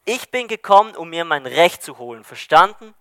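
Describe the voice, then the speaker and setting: A man's voice: on the high side, very animated, moderate pace, fairly bright tone, smooth, no echo. A man reading the lines of a proud, bitter dead man who scorns mercy, indignant and scornful. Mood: defiant.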